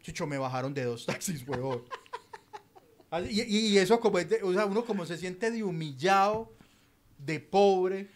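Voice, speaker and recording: A man's voice: high voice, lively intonation, normal speed. A young man, co-hosting a casual chat, joking with crude slang and laughing often. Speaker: podcast co-host.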